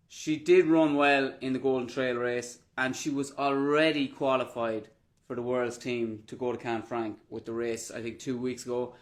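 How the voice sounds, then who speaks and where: Male podcast co-host, casual teasing chatter, everyday slang, mid-pitched. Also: a bit bright. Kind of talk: casual banter.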